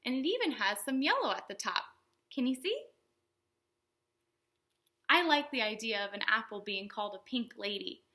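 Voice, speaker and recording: This storytime host, a children's librarian, has a slightly high voice, a moderate pace, and long pauses. She teaches small children with simple words and animated sing-song phrasing, posing questions to them along the way.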